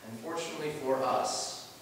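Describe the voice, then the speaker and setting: A man, a pastor, preaching a measured sermon that swells on key phrases and falls soft at the ends of lines. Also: a little high. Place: large church sanctuary. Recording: echoey church from far off, faint hiss.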